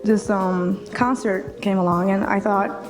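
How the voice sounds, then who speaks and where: A woman answers interview questions haltingly and thoughtfully. Music runs clearly under this archived interview clip. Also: medium pitch, fairly even intonation. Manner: hesitant, reflective.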